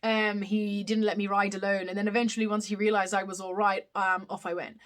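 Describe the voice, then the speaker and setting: A young woman hosts a live stream, running a casual question-and-answer chat in an Australian accent with slight British touches. Her mid-range voice is level and a little fast, and she's chatty and rambling, full of ums and self-corrections.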